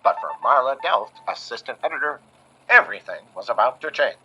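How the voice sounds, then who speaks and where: A man voicing a theatrical old-time radio announcer with a booming delivery. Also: animated, brisk, loud music behind the voice, close to an everyday voice. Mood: dramatic. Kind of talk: 1940s radio acting. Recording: dull lo-fi sound.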